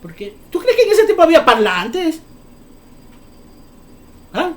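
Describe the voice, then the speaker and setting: A man preaching a sermon, fervent and often shouting, firing off rhetorical questions. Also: extremely high pitch, huge pitch swings, unhurried.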